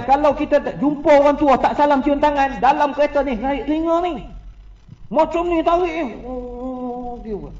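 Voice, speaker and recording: A middle-aged man with a Malaysian Malay accent, a religious teacher on a forum panel, telling personal stories with humor and often addressing the audience directly. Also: very high-pitched. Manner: lively storyteller who keeps addressing the audience as "tuan-tuan"; humorous, laughing between points. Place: prayer hall. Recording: echoey, dull prayer-hall recording.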